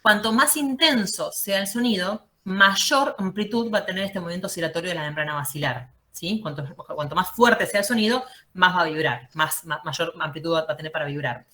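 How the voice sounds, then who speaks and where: A woman teaching an online class, explaining step by step and often checking in with a quick "¿sí?". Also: on the low side, pushed and bright. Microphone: video call.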